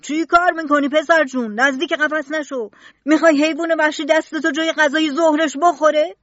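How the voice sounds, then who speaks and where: A woman voicing an impatient, gruff male zoo keeper who shouts at a boy. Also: high voice, lively intonation, dry recording, pitched above the performer's own voice. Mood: impatient shouting. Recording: dull lo-fi recording.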